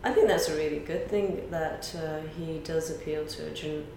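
Brief: lower-pitched woman guest from animation work, measured and thoughtful, echoey recording. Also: steady tone, warm tone. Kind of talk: casual chat. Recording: roomy echo, faint noise.

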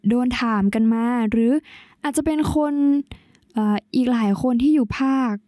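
A young woman talks through her podcast in a chatty, explaining way. Her voice sits a little high, with a soft, mellow tone. She is recorded close and dry, with no room sound. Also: normal speed, no room sound. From Nan, northern Thailand. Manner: chatty and explanatory, polite sentence endings. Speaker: podcast host. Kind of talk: solo podcast talk.

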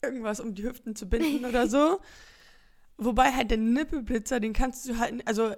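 Young female podcast co-host, fairly high voice, chatty, laughs between thoughts. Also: a little fast. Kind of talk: casual podcast chat.

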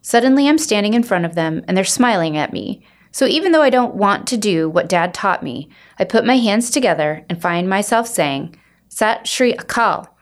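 An expressive woman storyteller reads a children's book aloud, acting out the characters' dialogue in a mid-range voice at normal speed.

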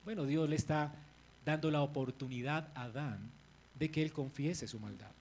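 A male pastor with a high-pitched voice preaches with a lot of energy. He acts out the biblical scenes and alternates between rhetorical questions and emphatic statements. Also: normal speed, slight background noise, poor audio. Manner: animated, dramatizes biblical scenes. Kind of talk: sermon.

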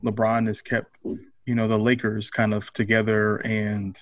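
Man, mid-pitch, dry close sound; relaxed analytical sports-chat co-host. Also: a little slow, no room sound. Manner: relaxed, analytical, loose phrasing with fillers. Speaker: podcast co-host.

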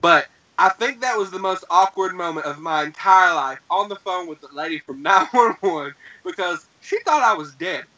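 A man with a slightly high, bright voice tells a story with excitement and acts out every voice in it. The recording sounds dull and lo-fi. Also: normal speed, few pauses. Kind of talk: animated storytelling.

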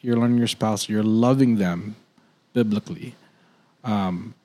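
Guy co-hosting a faith chat, thinking out loud, restarts a lot. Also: on the low side, unhurried. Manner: reflective, with restarts and repeated words.

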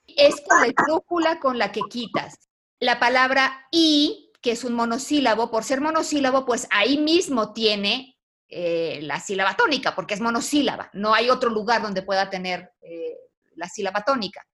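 A woman's voice: a little high, moderate pace, fairly bright tone. A woman teaching a poetry class online, patiently quizzing her students. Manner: patient, asks the class questions.

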